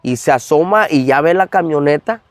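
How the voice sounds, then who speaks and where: A man with a Mexican accent, a guest in an interview recounting a personal testimony in an animated way, acting out the dialogue. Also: a little high, normal speed, no room sound. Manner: animated, acts out dialogue in retelling. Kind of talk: storytelling testimony.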